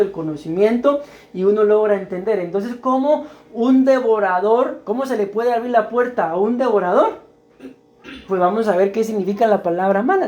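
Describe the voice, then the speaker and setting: A man's voice: sits high, a little mellow. Male pastor teaching and questioning his congregation. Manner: explanatory, checks understanding with frequent "¿verdad?"; questions the congregation and waits for answers. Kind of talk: teaching sermon.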